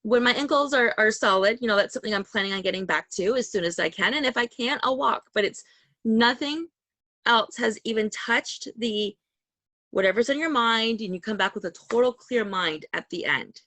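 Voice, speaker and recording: A woman's voice: fairly high pitch, normal speed, bright, forceful tone, no echo. A woman hosting a podcast over a call, talking in a chatty, rambling way and laughing often. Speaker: podcast host. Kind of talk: casual interview chat. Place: home call. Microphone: video call.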